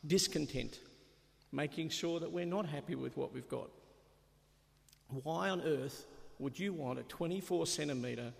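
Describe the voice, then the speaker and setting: Gravelly man preaching in a reverberant church. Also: a little high. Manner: conversational, self-deprecating, rhetorical questions. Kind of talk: sermon. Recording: long reverb of a church hall.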